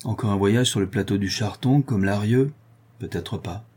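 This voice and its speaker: A man's voice: fairly low pitch, normal speed, darkish tone, husky. A man voicing a blunt, jovial craftsman in a spoken storybook, with a wry way of talking.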